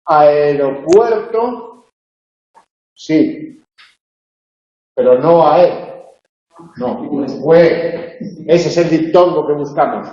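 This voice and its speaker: A university lecturer whose voice is a little high and mellow teaches a phonology tutorial in class. His step-by-step explanations are full of "eh" and tag questions. The echoey room comes through as dull, lo-fi audio.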